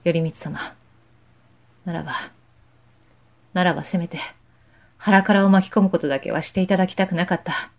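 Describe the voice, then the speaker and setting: In a Japanese period audio drama, an actor voices a righteous, dutiful young samurai officer who uses formal, respectful, archaic speech. His high-pitched male voice moves at a normal speed with fairly even intonation and frequent pauses. He sounds grave and accusing.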